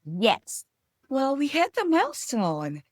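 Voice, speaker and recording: A woman's voice: high voice, wildly swooping pitch, slow pace, no echo, studio quality. A woman from the Philippines co-hosting a podcast, chatting casually and reflectively and laughing easily. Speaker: podcast co-host. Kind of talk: casual chat.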